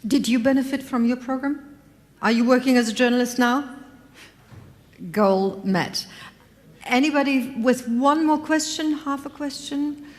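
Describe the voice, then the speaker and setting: Woman, fairly high voice, brisk moderator, conference Q&A, long hall reverb. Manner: brisk, directing turns.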